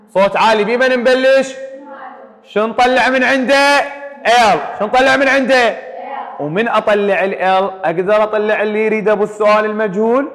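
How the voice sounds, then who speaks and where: The voice is a man's, a little high, with the sound of a big room. He lectures on math in an Iraqi Arabic accent, quizzing the students by firing and repeating questions until the class answers back.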